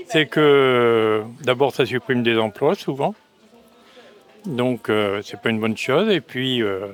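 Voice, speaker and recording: A man giving an unscripted interview answer in a deliberate, halting way. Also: mid-range voice.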